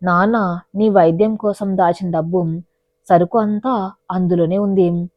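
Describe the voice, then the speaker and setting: A woman's voice: fairly low pitch, fairly even intonation, unhurried, no room sound, muffled recording, lightly acted. A woman voicing a desperate, tearful young wife who pleads and cries out, in a storybook reading. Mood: anguished.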